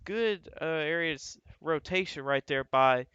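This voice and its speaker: A man hosts a live weather stream, talking through radar images in a loose, conversational way. His voice is bright and clear, with a dry, close sound. The audio is a little dull, like a home livestream mic. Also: on the high side, unhurried, dry recording. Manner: casual, thinking aloud, frequent "uh" and "you got".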